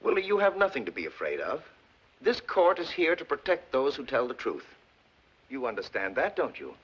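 An actor playing a courtroom attorney who questions a witness in a measured, coaxing way, in a 1940s film drama. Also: male voice, mid-range voice, sing-song, husky. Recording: dull old film soundtrack.

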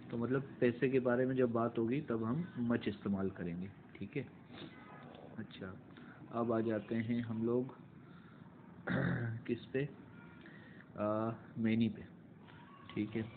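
A man teaching English grammar in a slow classroom explanation, repeating words and mixing English into Hindi. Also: mid-range voice. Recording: tinny phone-like audio with faint noise.

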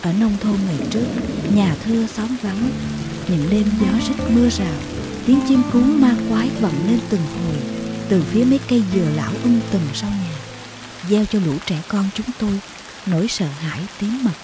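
A woman reading a heartfelt story aloud as a narrator, slow and tender in her storytelling. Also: medium pitch, lively intonation, over loud music. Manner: slow, tender storytelling with emotional acted quotes. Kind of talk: scripted audiobook narration.

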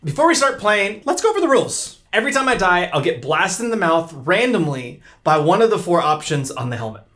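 Animated man doing gaming commentary. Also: high voice, a little fast, a little hiss or hum. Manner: animated, self-mocking, reacting aloud while gaming. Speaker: YouTube creator. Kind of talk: casual vlog and gameplay commentary.

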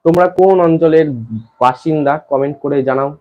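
A man's voice: a little high, brisk, dull audio. A man from West Bengal teaching an exam-prep lesson to students. He often repeats phrases and restarts as he explains.

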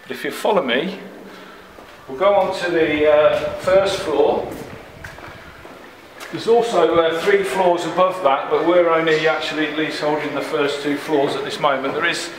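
A middle-aged head brewer leads a walking tour through a large, echoey brewery, speaking plainly and without hurry, with fillers. His male voice is on the high side and steady. A handheld camera follows him closely, picking up the echoing rooms and an air-conditioning hum.

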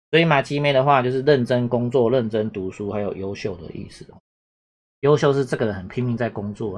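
A man's voice: medium pitch, a little hiss or hum. A man teaching a casual exam-prep lesson, repeating points and checking whether students follow. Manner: chatty, repetitive, asks "懂哈？有没有？" often. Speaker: Japanese teacher.

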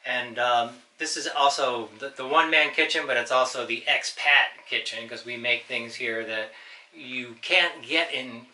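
In a cramped kitchen, a man in his sixties from the United States narrates his casual cooking vlog, talking loosely and fixing his own words along the way. He speaks at a medium pitch and a moderate pace, with a sharp edge to his tone. Food sizzles and fries noisily behind him.

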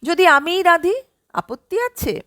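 A woman voicing a playful, quick-witted young wife who answers her guest with sly jokes, in an audiobook story. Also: very high voice, lively intonation, pushed and bright, no echo, clean studio sound, pitched above the performer's own voice, full character voice.

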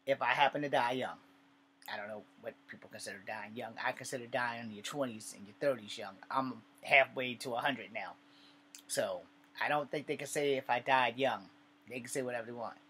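Man nearly fifty, husky mid-pitched voice, sarcastic bedroom vlog straight to webcam. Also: a bit bright. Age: 40s. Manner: wry, sarcastic, swears. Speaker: vlogger. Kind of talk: casual webcam monologue. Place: cluttered bedroom, indoors. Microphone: webcam at desk distance.

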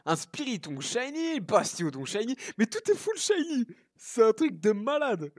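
A man recording a gaming reaction video, exclaiming loudly, swearing often and repeating his exclamations. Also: extremely high pitch, big pitch swings, a little slow, no echo. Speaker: gaming YouTuber. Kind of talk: excited reaction video commentary.

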